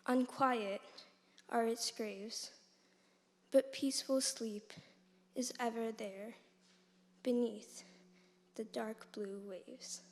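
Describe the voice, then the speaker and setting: Slow, high-voiced young woman reciting. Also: fairly even intonation, a little mellow. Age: late teens. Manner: slow, pausing delivery. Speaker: student reciter. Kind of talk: formal poetry recitation. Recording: long hall reverb.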